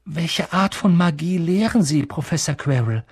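A man's voice: on the high side, expressive, a little slow, breathy edge, dry recording, studio quality, exaggerated voice. A man doing a stammering, twitchy young professor. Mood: jittery. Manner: stammering, half-whispered. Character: pale nervous young male professor.

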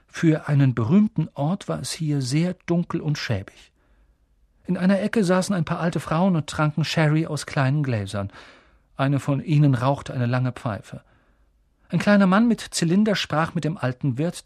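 A man narrating an audiobook in a lively, animated way. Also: fairly high pitch, no room sound, clean studio sound. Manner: animated, breathy. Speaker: audiobook reader.

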